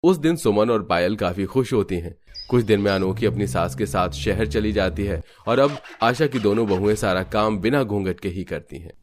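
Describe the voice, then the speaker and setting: A man narrating a cartoon story in steady, scripted storytelling. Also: lowish voice, normal speed, slight background noise.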